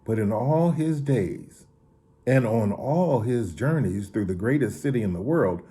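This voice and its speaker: A man reading a children's book aloud, expressive, now and then backing up to reread a line. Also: mid-range voice, unhurried. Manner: expressive reading with occasional restarts. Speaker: story reader. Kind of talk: children's story read-aloud.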